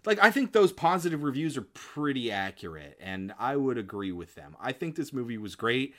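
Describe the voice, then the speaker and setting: A man's voice: medium pitch, big pitch swings, normal speed, a bit bright. A man co-hosting a podcast, chatting casually and enthusiastically about films in informal language. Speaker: podcast co-host. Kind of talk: casual film review chat.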